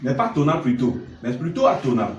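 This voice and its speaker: A man's voice: mid-range voice, big pitch swings, fast talker, muffled recording. A man teaching a music lesson, asking questions and answering them himself, and singing note names. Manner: sings note names in scales. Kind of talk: classroom lesson. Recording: echoey room, mic far off, loud noise.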